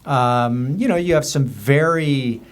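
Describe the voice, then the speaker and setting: Speaking slowly in a mid-range voice, this American podcast guest from the border region tells anecdotes off the cuff. He drifts loosely from one example or detail to the next, keeping it casual and conversational.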